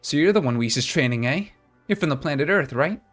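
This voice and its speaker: A man's voice: on the high side, lively intonation, a little fast, fairly bright tone, soft background music. Man voicing a chatty, fretful oracle fish. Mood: matter-of-fact. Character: chatty, worried oracle fish, gossipy trader. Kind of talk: video game dialogue read aloud.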